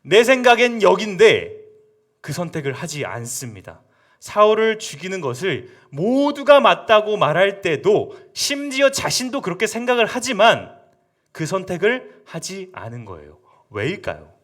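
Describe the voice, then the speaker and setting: A man's voice: high voice, normal speed. A man preaching to children, telling the story with energy and asking the listeners questions. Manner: animated storytelling, asks the audience questions. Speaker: youth pastor. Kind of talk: sermon for children.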